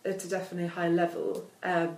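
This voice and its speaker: The Italian-native literature academic answers interview questions thoughtfully yet hesitantly, with lots of fillers and restarts. She talks fast in a lowish, a little mellow voice with little pitch movement, captured off-mic at a distance in an echoey room with a little hiss or hum.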